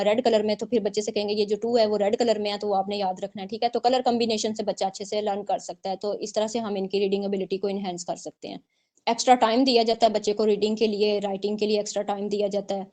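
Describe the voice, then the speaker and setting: With a warm, medium-pitched voice, a woman teaches an online exam-prep class. She's explanatory, restating points and checking in often with her students through repeated "theek hai" prompts.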